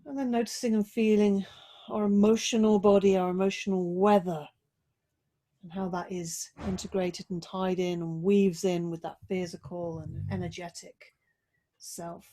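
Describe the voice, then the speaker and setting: A yoga teacher, female, guides a relaxation with a body check-in, offering slow, gently encouraging directions separated by pauses. Her voice is on the low side and her delivery is flat.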